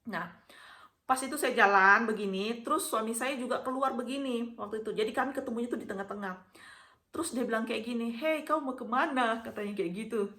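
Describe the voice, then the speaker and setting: A woman's voice: on the high side, a little fast, bright, forceful tone. A young adult woman vlogger, casually telling a personal story to her viewers and acting out the dialogue as she goes. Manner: chatty, addresses viewers often, acts out dialogue.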